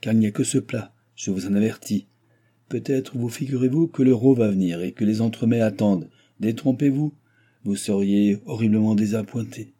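A man's voice: fairly low pitch, normal speed, mellow, slightly rough. A man voicing a choleric, sarcastic old nobleman who has lost his fortune, talking in a blustering, mocking way.

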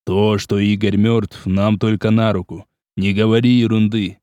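A man's voice: fairly low pitch, fairly even intonation, moderate pace, darkish tone, no echo, lightly acted. A man voicing a cold, scheming older nobleman who speaks curtly and dismissively. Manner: curt, dismissive, menacing.

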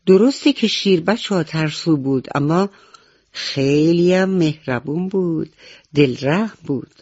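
A woman storyteller narrating a bedtime story for children on the radio, gentle and affectionate. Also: low-pitched, slightly rough, no room sound, dull audio. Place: radio studio.

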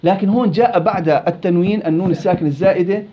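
A Quran recitation teacher with a Levantine Arabic accent runs an interactive tajweed lesson at a fast clip. His voice sits high as he quizzes students and repeats each word to drill it, and the recording sounds dull and lo-fi.

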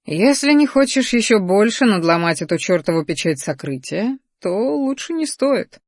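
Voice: mid-range voice, big pitch swings, normal speed, dry recording. Grumbly sarcastic lizard guy, narrator doing him, very dry close sound. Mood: warning. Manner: growling, sardonic. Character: grumbling male lizard spirit companion.

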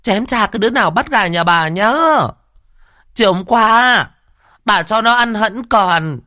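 A man's voice: high voice, a little slow, sharp tone, no echo, clean studio sound, pitched above the performer's own voice. A man doing a shrieking, cursing village shrew. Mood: screeching. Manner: screeching, cursing tirade. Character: shrill foul-mouthed village woman, furious.

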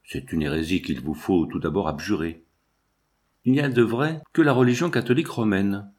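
A man's voice: fairly low pitch, normal speed, lightly acted. A man reading aloud who voices a pushy priest pressing a dying man with probing questions. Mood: insistent. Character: pushy, prying male priest, middle-aged.

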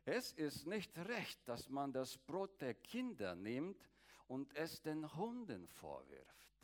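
A male preacher voicing a calm, authoritative teacher in a Bible reading, slow and solemn. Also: on the high side, full character voice.

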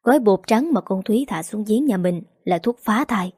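An older father hisses his anger in quick bursts, read by a woman narrator. The voice stays mellow and close, with a dry sound. It is a storybook reading. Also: mid-range voice, animated, husky, no room sound. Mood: explaining. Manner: hissing anger, rapid. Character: older husband, angry and worried father.

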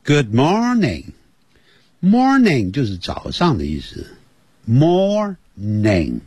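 Brief: husky-voiced male teacher, very animated delivery, dry close sound, patient repetition. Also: mid-range voice, dry recording. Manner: slow, drawn-out demonstration with many repetitions. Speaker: English teacher. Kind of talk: beginner language lesson for children and parents.

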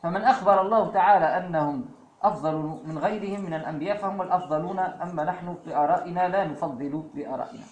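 A man giving a religious lesson as a preacher, slowing down to recite verses. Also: high voice, highs cut off, a little hiss or hum. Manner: fillers and asides, slows to recite verses. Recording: echoey room with faint ambience.

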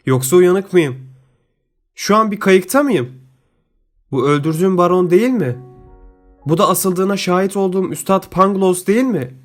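A man's voice: fairly high pitch, lively intonation, brisk, soft background music, lightly acted. A man reading an audiobook, voicing a naive, earnest young man who talks eagerly and exclaims often. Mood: excited.

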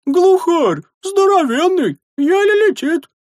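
A man voicing a burly, gruff male servant who shouts bluntly. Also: extremely high pitch, takes it slowly, no room sound, studio quality, pitched above the performer's own voice, heavily acted. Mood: excited. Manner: shouting, excitable.

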